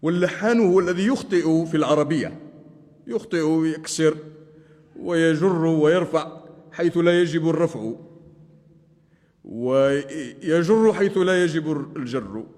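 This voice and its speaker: A male Islamic scholar gives a religious lesson, speaking deliberately and slowing down to demonstrate chanted phrases. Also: a little high, a little mellow. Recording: long hall reverb.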